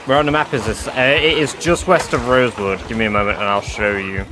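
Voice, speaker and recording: Man with soft R's that sound like W's. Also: medium pitch, steady tone, fast, over music. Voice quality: cannot pronounce R's, says w for r. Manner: informal, sweary. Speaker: game livestreamer. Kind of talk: casual livestream chat with game commentary.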